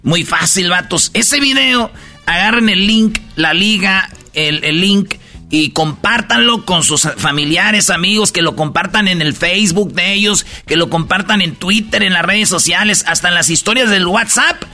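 A man hosting a joking radio show, telling slangy stories and pitching a contest in a loud promo style. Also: soft background music. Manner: rapid slangy storytelling, loud promo delivery.

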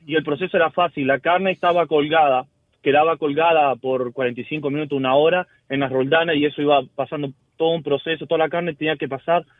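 A man's voice: fairly high pitch, fairly even intonation, fast, dry recording. A man from Uruguay, calling in to a radio show and telling a rambling story with frequent restarts. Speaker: caller. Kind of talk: casual call-in storytelling. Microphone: telephone. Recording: tinny phone line.

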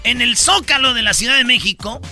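A Mexican man hosting a comedy podcast, telling jokes in an animated, playful way and acting out the characters. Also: very high-pitched, brisk, faint music behind. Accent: Mexican Spanish. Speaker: podcast host and joke teller.

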